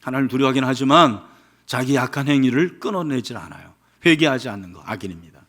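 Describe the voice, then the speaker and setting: A man's voice: mid-range voice, fast, a bit bright. A man preaching a sermon as pastor, asking the congregation questions and leading them in reading scripture aloud. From South Korea. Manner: rhetorical questions to the congregation, leads responsive reading.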